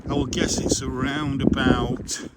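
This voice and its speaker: A man's voice: mid-range voice, little pitch movement, measured pace. A man chatting casually while walking through parkland, thinking aloud with fillers, recorded on a camera mic. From England. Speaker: walking vlogger. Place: outdoors in open parkland. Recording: loud wind noise on outdoor mic. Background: wind.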